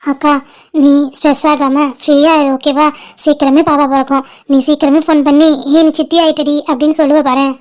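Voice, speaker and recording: High-voiced woman in a cartoon drama. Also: little pitch movement, brisk, a little mellow. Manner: emotional, pleading, affectionate sisterly talk. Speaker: voice actor for animated family drama.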